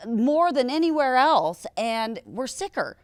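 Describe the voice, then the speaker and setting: A woman's voice: high-pitched, big pitch swings, unhurried, no room sound. Podcast host woman, dry close sound. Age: 40s. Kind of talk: casual interview talk.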